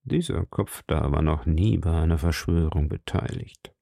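A man voicing a cold, commanding older cardinal who speaks slowly in a low, measured tone. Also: animated, darkish tone, dry recording, clean studio sound.

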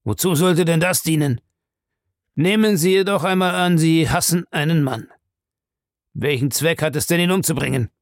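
A man reading an audiobook, voicing a cruel old man who relishes other people's suffering in a slow, savoring way. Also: on the high side, dry recording, clean studio sound, pitched above the performer's own voice, natural voice. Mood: gloating. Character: cruel gloating old man, castle owner. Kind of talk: audiobook character voice.

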